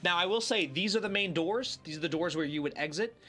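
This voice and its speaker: A man running a tabletop game on a casual group stream as game master, narrating in a halting way with repeated words. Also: sits high, a bit bright, faint music behind.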